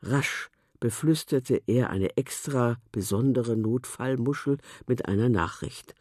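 A narrator reading a children's storybook aloud in a gentle, expressive way. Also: medium pitch, slow pace, no room sound, studio quality.

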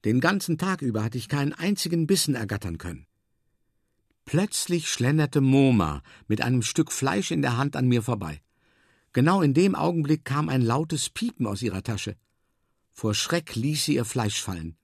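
A man narrating a storybook in the first person as a dog, calm and measured, stretching words for emphasis. His voice sits at an ordinary middle pitch. The sound is dry and close, with no room echo. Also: creaky, husky. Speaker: audiobook narrator.

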